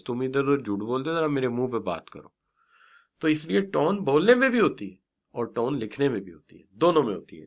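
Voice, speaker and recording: A middle-aged man giving a classroom lecture on business communication, stretching and stressing words as he teaches and often praising his students. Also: medium pitch. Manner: mixes English terms into his explanations.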